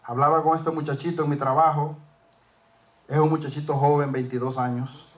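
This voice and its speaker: A man's voice: fairly high pitch, flat delivery, normal speed. A man preaching a sermon, telling a workplace story and acting out the dialogue, rising to emphatic peaks. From northern United States.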